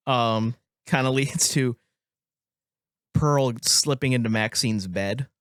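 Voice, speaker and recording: A man's voice: medium pitch, slow pace, a bit bright, smooth, dry recording. Guy on a horror podcast, chatty, keeps laughing, dry close mic. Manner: laughs often, acts out lines in put-on voices. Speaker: podcast co-host. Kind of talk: casual film discussion.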